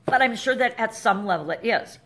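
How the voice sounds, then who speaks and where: A woman's voice: a little high, expressive, a little fast, a bit bright. Earnest chatty woman coach. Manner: chatty and earnest, laughs now and then. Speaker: wellness coach. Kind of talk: casual teaching talk to camera.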